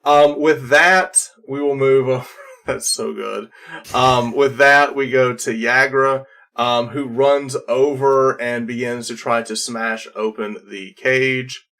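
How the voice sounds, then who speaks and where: A man's voice: medium pitch, fairly even intonation, slow pace, bright, forceful tone. A man narrating a tabletop role-playing game as game master, in a casual, playful way.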